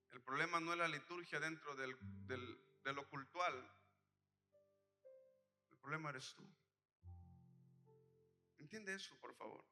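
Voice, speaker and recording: Bright-voiced preaching man. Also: fairly high pitch, big-room sound. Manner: emphatic, acts out the characters in the story. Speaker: pastor. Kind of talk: sermon with storytelling.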